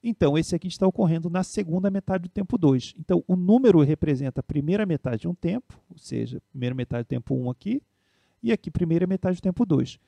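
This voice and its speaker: Brazilian male music teacher, patient step-by-step explainer, higher-pitched voice with a gravelly edge. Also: lively intonation, fast, mellow, no echo. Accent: Brazilian Portuguese. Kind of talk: spoken piano and music theory lesson.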